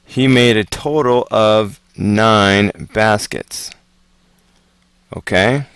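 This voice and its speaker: A man with a somewhat low voice works through math word problems at a very slow, deliberate pace. His delivery is relaxed and chatty, and the recording is dry and close with no room sound. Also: vocal fry, clear, resonant tone, no room sound. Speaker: math teacher. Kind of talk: casual homework walkthrough.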